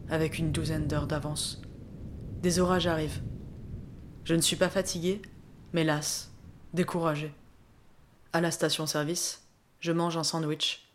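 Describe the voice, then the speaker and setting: Low, flat-voiced woman narrating a diary. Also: a little hiss or hum. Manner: subdued, reflective, weary. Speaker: narrator of her own bikepacking race diary. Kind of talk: scripted first-person voice-over narration.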